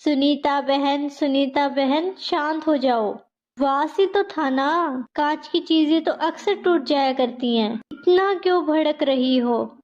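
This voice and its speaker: A woman voicing a gentle, chatty middle-aged neighbor in a storybook tale. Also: high-pitched, slow, lo-fi sound. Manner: soothing, chatty.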